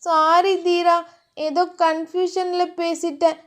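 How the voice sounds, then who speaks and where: A woman's voice: very high voice, flat delivery, takes it slowly, voice pushed up. A woman doing a giggly, childlike young heroine. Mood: shy, giggly.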